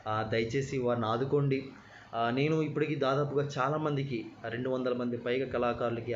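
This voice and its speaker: A man from Telangana, a mimicry artist chatting with viewers on a live stream, thanking commenters and mixing in English. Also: medium pitch. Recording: lo-fi live stream, faint noise.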